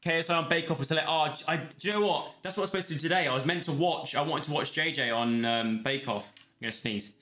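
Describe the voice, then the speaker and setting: A man's voice: a little high, quick pace, hardly any pauses, sharp tone. A young man chatting casually on a live stream, rambling between topics and thanking viewers. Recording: roomy sound with faint music.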